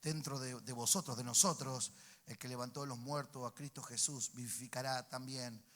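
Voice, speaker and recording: Argentine pastor preaching in a reverberant church. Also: male voice, mid-range voice, steady tone, moderate pace. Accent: Rioplatense Spanish. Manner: preaching with call-and-response to the congregation; swings between shouted peaks and hushed intimate passages. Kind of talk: sermon. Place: church sanctuary.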